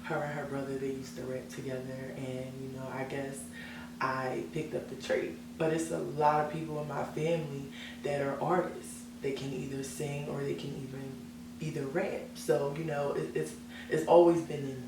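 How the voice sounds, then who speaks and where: Speaking in a bass voice with flat delivery and a moderate pace, a young female singer chats confidently and sincerely about herself during an interview. The mic sits far away in a reverberant room, and a hum runs underneath.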